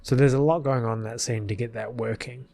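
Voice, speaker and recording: Against background noise, a gravelly man with a medium-pitched, fairly even voice talks briskly. Thinking aloud informally and hesitantly, this video creator rambles casually while explaining his fan film edit.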